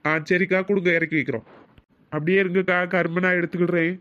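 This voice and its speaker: Woman doing a polite delivery guy, tirunelveli accent, rattles on fast, dull lo-fi sound. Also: on the low side, fairly even intonation, natural voice. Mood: obliging. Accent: Tirunelveli Tamil. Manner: polite, obliging, quick. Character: polite young delivery man. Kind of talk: cartoon comedy voice acting.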